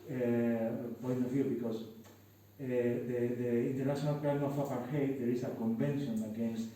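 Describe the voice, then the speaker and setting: A Spanish-accented man speaks carefully in English, halting on fillers and restarting his phrases. His voice is dark and flat in pitch. He sits far from the mic in a very echoey classroom with faint room noise. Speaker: lawyer. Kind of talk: panel discussion remarks. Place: university classroom.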